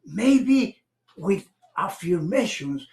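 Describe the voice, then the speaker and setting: A man with a Boston accent giving an inspirational keynote speech at a public speaking club, telling his story slowly and dramatically. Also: gravelly. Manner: slow, dramatic storytelling with lively pitch.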